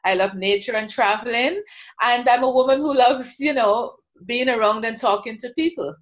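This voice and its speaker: A woman's voice: a little high, moderate pace. A woman from Guyana, a counsellor, talking earnestly and reflectively as an interview guest.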